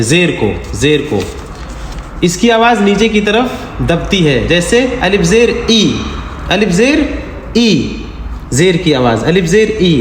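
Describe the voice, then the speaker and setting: A man teaching a beginners' Quran reading class step by step, repeating sounds and asking rhetorical questions. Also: high voice. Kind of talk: slow step-by-step lesson. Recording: echoey room with long reverb, faint hiss.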